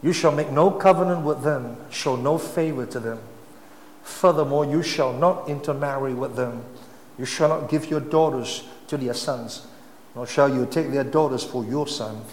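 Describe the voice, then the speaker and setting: A man preaching a sermon, emphatic, swinging between loud and soft phrases. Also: mid-range voice, moderate pace, a little hiss or hum. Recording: echoey hall, faint ambience.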